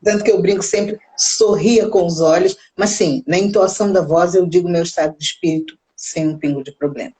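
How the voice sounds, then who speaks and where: A woman co-hosting a live talk show, telling animated stories and laughing often in casual chat. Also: on the low side, quick pace, few pauses, poor audio. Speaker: co-host.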